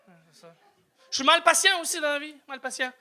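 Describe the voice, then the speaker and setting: A stand-up comedian in his 30s from New Brunswick, Canada, performs a self-mocking set full of stammered restarts and swearing. His voice is very high, sharp in tone and fast.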